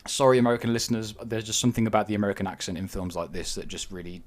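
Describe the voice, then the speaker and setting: A man's voice: lowish voice, flat delivery, very fast. A man co-hosting a podcast in casual chat, giving frank opinions and thinking aloud with frequent ums. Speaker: podcast co-host.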